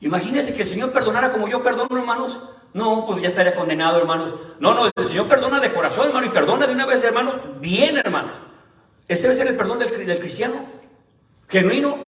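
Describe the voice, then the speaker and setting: Pastor guy preaching, kinda high voice, sounds far off the mic in a big echoey church. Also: animated, fairly bright tone. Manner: keeps calling the listeners "brother" in almost every phrase; reads scripture aloud slowly and deliberately. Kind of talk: Sunday sermon. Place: church hall. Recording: roomy church hall, mic at a distance.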